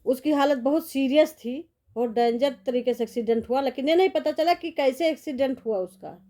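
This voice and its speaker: A woman's voice: high voice, brisk, dark tone. A middle-aged woman vlogger commenting casually and sorrowfully, rambling with sympathy.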